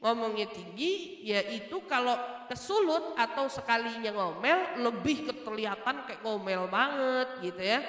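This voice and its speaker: Woman preacher, lively storytelling sermon, bright tone, roomy hall reverb. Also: a little high, unhurried. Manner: lively storytelling, acting out quotes. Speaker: Islamic preacher. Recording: echoey hall with long reverb.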